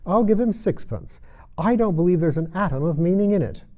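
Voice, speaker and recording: A man's voice: high-pitched, lively intonation, fairly quick, muffled recording, voice pushed up. A man voicing a bold, argumentative young girl in a storybook reading, contradicting in a matter-of-fact way. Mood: bold, scornful.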